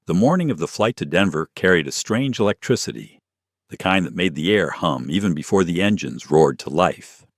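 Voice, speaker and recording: A man's voice: sits low, no room sound, studio quality. A man narrating a tense, dramatic story.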